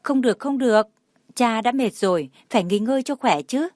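A woman's voice: on the high side, expressive, moderate pace, a little mellow, no echo, clean studio sound, voice pushed up. A woman voicing a sweet, understanding little girl who talks fondly to her father.

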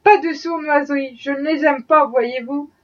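A woman's voice: sits high, normal speed, far from the mic, muffled recording, close to an everyday voice. A woman reading an audiobook, voicing a cold male slave trader who speaks curtly and dryly. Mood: false cheer. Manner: curt, dry, commanding.

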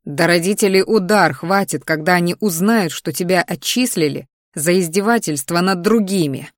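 A woman's voice: lowish voice, normal speed, dry recording, studio quality, natural voice. Woman doing a growling, scolding young man. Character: angry young male mage, exasperated brother.

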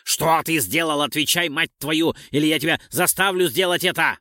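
Guy reading a hot-headed cursing buddy in an audiobook, loud and pushy, dry close sound. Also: medium pitch, expressive, fairly quick, gravelly, husky, dry recording, exaggerated voice. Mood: furious. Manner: shouting, demanding, cursing. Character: hot-headed, foul-mouthed male comrade.

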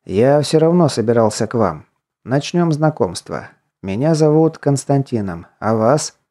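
Man playing a stern nobleman, ex-detective, curt commands, mellow tone, audiobook. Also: mid-range voice, animated, a little slow, lightly acted.

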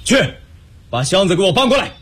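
A male storyteller voicing a rough, fiery bandit leader who shouts his lines in a radio story. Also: on the high side, very animated, unhurried, heavily acted. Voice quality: shouting, gruff and blunt. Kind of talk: Chinese storytelling radio performance.

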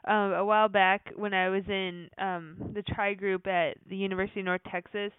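A woman's voice: mid-range voice, flat delivery, normal speed, clear, resonant tone, dry recording. A young woman co-hosting a podcast, chatting casually with fillers and frequent laughs. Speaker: podcast co-host. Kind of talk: casual chat. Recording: tinny phone-like sound.

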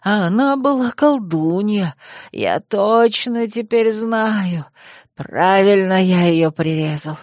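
A deranged, drooling man who giggles through his threats, as a woman reader puts him on. He drags his words out slowly in a sing-song way. The audiobook sound is dry and close, with no room around the voice. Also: mid-range voice, lively intonation, darkish tone, no echo. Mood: hateful. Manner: slow, sing-song ravings. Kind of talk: audiobook character voice.

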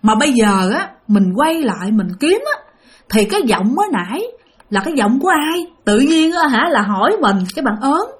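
A woman's voice: high-pitched, sing-song, normal speed. A woman telling a ghost story, speaking dramatically and addressing listeners directly. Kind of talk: spoken ghost story narration.

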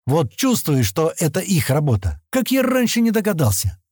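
A man reads a wary, scheming space fugitive who boasts about his exploits. The voice is mellow and dark, with animated pitch swings. It is recorded dry and close. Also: normal speed, dry recording, heavily acted. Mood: boastful.

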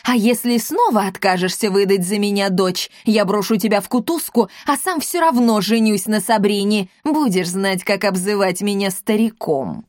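A woman's voice: medium pitch, moderate pace, few pauses, no echo, studio quality, close to an everyday voice. A woman reading aloud, voicing a pompous, vain aging male governor with a smug, insinuating manner. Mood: threatening.

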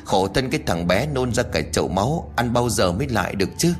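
A man's voice: fairly low pitch, animated, brisk, soft background music, lightly acted. A man voicing a worried older village woman who grumbles anxiously. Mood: fretful.

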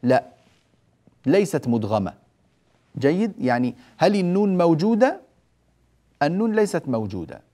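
A middle-aged man gives a recorded lesson on Quran recitation in a mellow, relaxed voice. He teaches patiently, poses questions and answers them himself, and slows right down to draw out each quoted word. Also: fairly high pitch. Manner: explains patiently, asks and answers his own questions, draws out quoted words slowly.

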